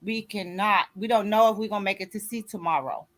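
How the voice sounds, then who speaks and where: A woman's voice: mid-range voice, brisk. A woman in her sixties speaks as a grief coach and author giving a motivational talk. She sounds preachy and keeps checking in with her listeners. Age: 60s. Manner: preachy, repeats "you see what I'm saying".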